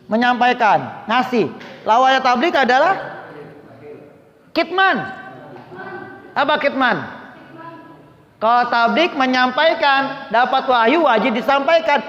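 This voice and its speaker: A man teaches a religious lesson at a slow, deliberate pace. He keeps asking his listeners questions in a call-and-response way. The recording is dull and lo-fi, with a long echoey hall sound. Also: extremely high pitch, animated, a bit bright. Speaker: Islamic teacher. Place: prayer room gathering.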